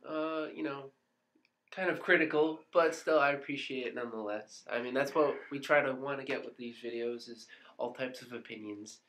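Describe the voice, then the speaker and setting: A man's voice: mid-range voice, normal speed, fairly bright tone. A man co-hosting a casual chat, agreeable and chuckling, mostly giving short replies. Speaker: co-host.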